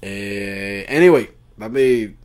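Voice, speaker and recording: A man's voice: fairly low pitch, drawn-out words, a little mellow. A man co-hosting a podcast in casual, teasing banter, slipping English words into his talk. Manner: teasing, mixes English into Spanish. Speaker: podcast co-host.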